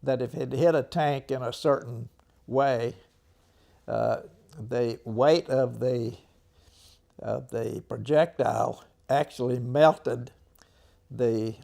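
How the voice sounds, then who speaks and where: This is a ninety-something American man, an old veteran looking back on the war for an interviewer. His mid-range voice is a little mellow, and he speaks haltingly, clearing his throat often.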